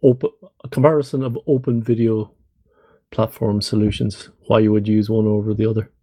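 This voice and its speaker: Man, podcast co-host, casual jokey chat, dark mellow tone, dry recording. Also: lowish voice, little pitch movement, fairly quick, breathy edge, no room sound. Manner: laughs often, chatty and jokey.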